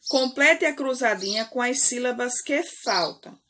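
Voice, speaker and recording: Brazilian woman primary teacher, unhurried, drawn-out words, keeps checking the kids follow. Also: on the high side, fairly bright tone, slight background noise. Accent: Brazilian Portuguese. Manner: slow, deliberate, stretches key words, frequent "certo?" and "ok?". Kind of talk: remote classroom lesson.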